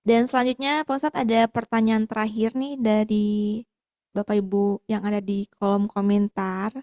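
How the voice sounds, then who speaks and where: Mellow-voiced woman moderating a class. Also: mid-range voice, flat delivery, moderate pace, no echo, studio quality. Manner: polite and courteous, reads viewers' questions aloud. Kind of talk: moderating questions from viewers.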